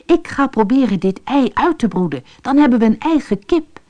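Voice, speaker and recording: A woman's voice: medium pitch, moderate pace. A boastful greedy poor man, as a woman reads him. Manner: excited, raised and grandiose.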